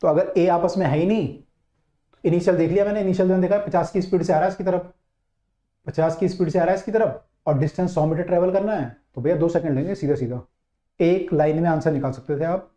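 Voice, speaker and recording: A man's voice: on the high side, warm tone. A man teaching a physics class online, chatty and coaxing, repeating his key points and checking that students follow. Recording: dull, roomy online-class audio.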